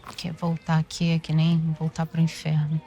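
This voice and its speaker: An actress playing an estranged sister who argues back, pleading and emphatic. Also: female voice, sits low, completely flat delivery, normal speed, mellow, slight background noise. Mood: defensive. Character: estranged sister, hurt and defensive.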